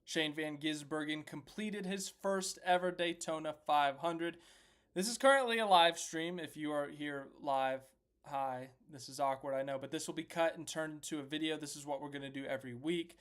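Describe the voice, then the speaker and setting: A man hosting a casual racing recap live stream, chatty and self-deprecating, reacting out loud as he works through standings on screen. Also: a little high, fairly even intonation, normal speed. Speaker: host of a racing recap livestream.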